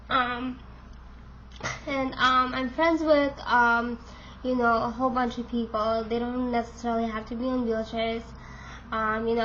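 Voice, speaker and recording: With a fairly high, slightly bright voice, a vlogger in her twenties chats frankly to camera, full of fillers. She's congested and keeps losing her voice. The highs are cut off and slight background noise is present.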